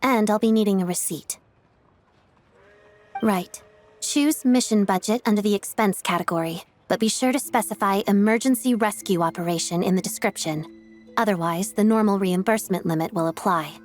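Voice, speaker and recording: In an English game dub, a woman voices a poised young female officer who is principled and efficient. She speaks politely and composedly in a businesslike way at a middle pitch and normal speed, lightly acted, over soft music.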